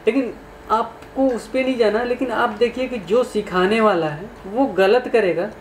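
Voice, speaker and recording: A man's voice: high-pitched, a little slow. Guy explaining test questions, asks stuff back, roomy echo. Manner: conversational, asks listeners questions. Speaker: exam prep teacher. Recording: echoey room, faint background noise.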